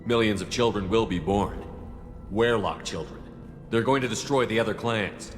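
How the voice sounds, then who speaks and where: A man's voice: on the low side, normal speed, natural voice. A man voicing a tough, blunt military commander in a video game, direct and commanding. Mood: firm. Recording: reverberant hall, faint music behind. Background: faint music.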